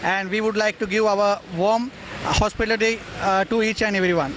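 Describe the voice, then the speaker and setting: Brief: Sri man, high voice, courteous halting invitation, faint street noise. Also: steady tone. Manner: polite, inviting, hesitant. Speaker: hotelier.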